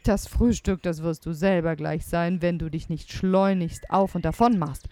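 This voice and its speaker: A woman voicing the giant's big wife, gruff on the surface but kind underneath. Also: lowish voice, steady tone, normal speed, a little mellow, lightly acted. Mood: threatening. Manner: scolding, urgent.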